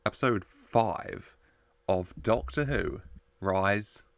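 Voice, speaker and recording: A man hosts a casual reaction show in a low voice with plenty of fry. The recording is dry and close, and his commentary is chatty and jokey. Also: takes it slowly, a bit bright, no echo. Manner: jokey, chuckles often while talking.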